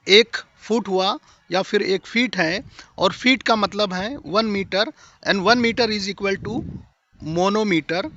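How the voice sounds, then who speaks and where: A man's voice: high voice, bright, forceful tone, muffled recording. A man teaching a lesson, explaining step by step and checking that the listener follows.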